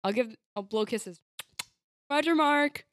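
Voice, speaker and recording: Give me a playful woman with a higher voice. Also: dry recording, clean studio sound. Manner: playful, quick banter. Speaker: player. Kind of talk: casual tabletop play.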